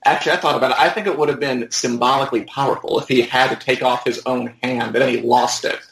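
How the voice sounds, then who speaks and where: A man on a podcast panel giving casual opinions in a halting, emphatic way, repeating his words. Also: medium pitch, steady tone, gravelly, fairly bright tone. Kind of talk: casual opinionated fan discussion. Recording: echoey room.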